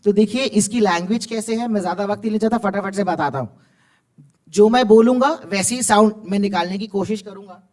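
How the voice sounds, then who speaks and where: Animated man teaching tabla. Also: sits high, a little fast. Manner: animated, encouraging, recites tabla syllables aloud. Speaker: tabla player teaching students. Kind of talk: lively school music workshop. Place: school hall with live music.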